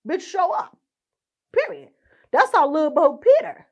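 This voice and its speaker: A woman's voice: very high-pitched, very animated, a little slow. A young woman hosting her own podcast, ranting indignantly and swearing constantly. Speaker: podcast host. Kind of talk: profane ranting monologue.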